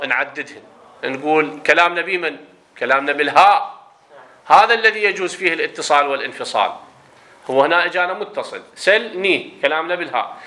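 A man teaching grammar in a classroom lecture, explaining step by step and often asking whether it is clear. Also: a little high, bright, forceful tone. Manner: explains step by step, checks understanding with questions.

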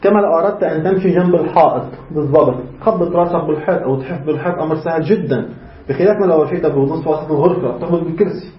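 A quick-paced man gives a religious lesson in a lively, conversational way. He keeps posing questions to his students and answering them at once. The recording sounds dull and muffled. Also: on the high side, slight background noise. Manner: asks rhetorical questions and answers them himself. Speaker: religious teacher. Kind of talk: seminary lecture in colloquial Levantine Arabic.

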